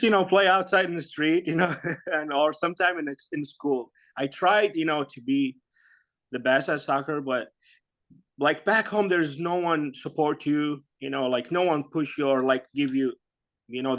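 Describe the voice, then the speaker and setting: Man, halting casual answers. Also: fairly high pitch. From Iraq. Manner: halting, lots of "you know" and "like", laughs softly. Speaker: guest, bodybuilder.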